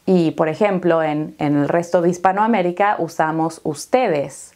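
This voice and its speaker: An Argentine woman teaching an online Spanish lesson, explaining clearly and deliberately and asking rhetorical questions. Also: fairly low pitch, a little mellow.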